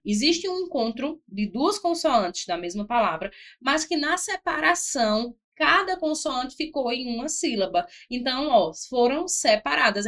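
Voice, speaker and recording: A woman's voice: fairly high pitch, fairly bright tone. A woman teaching an exam-prep grammar lesson, spelling out syllables and checking in with "certo?". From Brazil.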